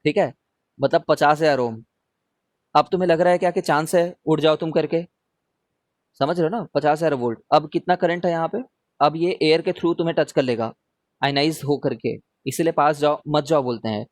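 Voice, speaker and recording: Man, teacher, online revision class, casual and chatty, keeps checking in with students, fairly high voice, dry close sound. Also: moderate pace, no echo. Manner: answers questions read out from students.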